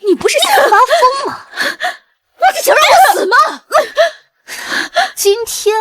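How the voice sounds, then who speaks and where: An actress playing an arrogant, spiteful young mistress who taunts and shouts. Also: female voice, expressive, unhurried, full character voice. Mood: cruel, shouting. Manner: sneering, taunting, shrill. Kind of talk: short drama acting.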